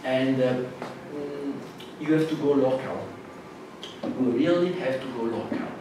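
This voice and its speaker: Captured from a distance in a noisy, echoey hall, a man from Italy lectures to a class in English with a clear Italian accent. His medium-pitched delivery stumbles along, packed with fillers and false starts. He is a native Italian speaker.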